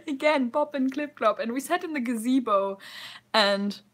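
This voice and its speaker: A woman's voice: high-pitched, normal speed. A young woman vlogger telling stories in a casual, rambling way, with many fillers and frequent giggles. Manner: giggly, laughs often while telling stories. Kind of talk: casual storytelling.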